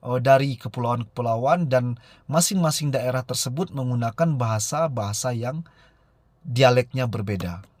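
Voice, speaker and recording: Male teacher, slightly high voice, dry close sound, explains with frequent "eh" pauses. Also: no echo. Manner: frequent "eh" fillers and tag "ya". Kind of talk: recorded lesson explanation.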